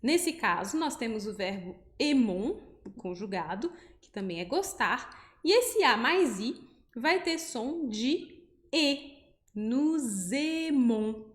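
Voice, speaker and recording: A Brazilian woman teaching French pronunciation, explaining patiently step by step and saying each example word slowly. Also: on the high side, sing-song, a bit bright, echoey room. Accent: Brazilian Portuguese. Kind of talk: pronunciation lesson.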